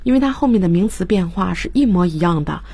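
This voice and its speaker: A woman's voice: lowish voice, animated, quick pace, mellow, slightly rough, dry recording. A woman teaching English vocabulary on a radio lesson, explaining patiently and spelling words out letter by letter. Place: radio studio.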